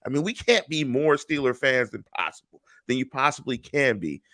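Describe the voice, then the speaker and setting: Middle-aged guy hosting a sports pod, bright forceful voice, dry close mic. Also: mid-range voice, lively intonation, moderate pace, no room sound. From Pittsburgh. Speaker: podcast host. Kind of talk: casual sports podcast chat. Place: home room. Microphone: headset and studio mic on video call.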